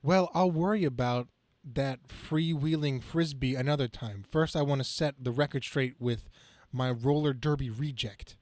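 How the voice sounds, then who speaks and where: A man's voice: medium pitch, normal speed, a little mellow, no room sound, close to an everyday voice. A man reading the part of Spider-Man, a brash, quippy young superhero, in an amateur comic-book reading, stumbling over the script now and then. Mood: flippant, wisecracking.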